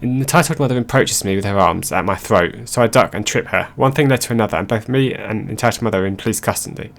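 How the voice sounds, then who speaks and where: A man with a fairly low voice reads stories aloud. His delivery is plain and steady, like someone working through a list of online posts. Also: quick pace, gravelly. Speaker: narrator.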